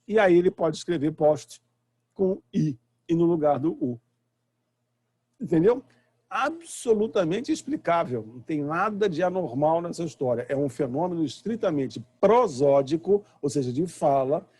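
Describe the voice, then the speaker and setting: A man's voice: fairly high pitch, a little mellow, husky, no room sound. A middle-aged Brazilian man with a Brazilian Portuguese accent, teaching a live online university lecture from home, explaining patiently and often checking that students follow.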